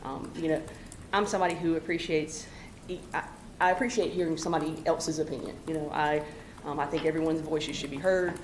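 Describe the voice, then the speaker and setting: A woman giving an earnest public comment at a council meeting, halting and full of "you know" fillers, recorded in a council chamber. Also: deep voice, steady tone. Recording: echoey council chamber recording, faint hum.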